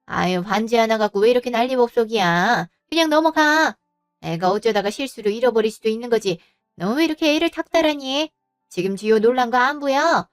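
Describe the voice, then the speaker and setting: A woman's voice: on the high side, lively intonation, a little fast, clear, resonant tone, no echo, studio quality, faint music behind, natural voice. Woman playing a bullying, scornful mother-in-law. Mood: dismissive. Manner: scolding, contemptuous, talks down. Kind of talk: Korean audio drama acting.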